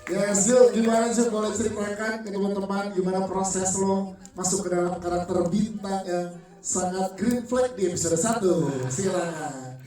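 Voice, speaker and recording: A man's voice: high voice, steady tone, moderate pace, mellow. A man, casually hosting a press event. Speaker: event host. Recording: echoey hall, distant mic, crowd.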